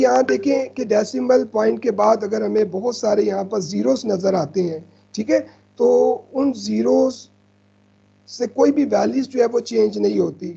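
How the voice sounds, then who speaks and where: A man's voice: sits high, vocal fry, mellow, husky, dull audio. A man, patiently teaching decimals over slides and repeating himself often. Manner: patient, repeats "ठीक है" often, mixes in English terms. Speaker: math teacher.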